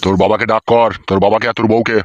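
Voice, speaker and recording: A man's voice: lowish voice, level tone, racing, no echo, lo-fi sound, lightly acted. Man playing a stern village elder judge. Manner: stern, lecturing, threatening.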